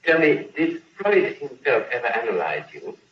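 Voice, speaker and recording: A man putting measured, persistent questions as an interviewer, heard on an old 1950s archival recording. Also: medium pitch, very animated, a little hiss or hum. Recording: echoey, dull old broadcast recording.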